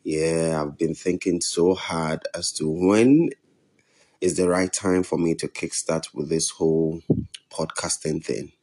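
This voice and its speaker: A young man with a West African accent, hosting a podcast alone in a measured, earnest way. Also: extremely low pitch, fairly even intonation, a little mellow. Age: young adult. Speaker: podcast host. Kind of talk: introductory solo podcast talk.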